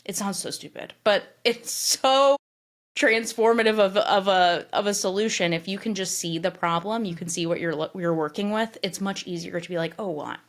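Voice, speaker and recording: A woman guest on a podcast with a slightly low voice. She explains her ideas with animated, casual energy and scatters filler words through her talk. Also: a little fast, hardly any pauses. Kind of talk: conversational interview.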